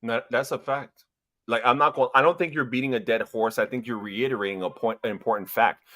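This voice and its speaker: A man's voice: medium pitch, fast talker, sharp tone. A man with a New York accent hosting a casual livestream panel, talking in an emphatic, motivational way and repeating his points for effect. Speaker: host. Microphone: video call.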